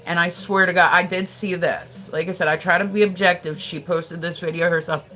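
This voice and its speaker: An American woman livestreams from her house, chatting and gossiping casually, answering viewers, swearing and loading her talk with fillers like "like." Her lowish voice is bright and forceful, fairly quick, with fairly even intonation. The recording is rough.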